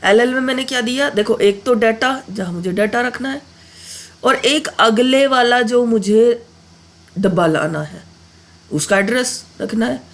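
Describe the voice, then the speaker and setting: Speaking a little high and without hurry, a woman nursing a cold and sore throat gives a relaxed programming lesson in Hindi. She often asks her students "okay?" with an upward lift.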